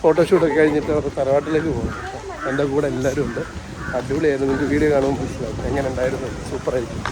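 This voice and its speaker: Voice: medium pitch, fairly even intonation, very fast. A vlogger chatting casually while filming a family event, throwing in short questions. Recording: loud crowd behind.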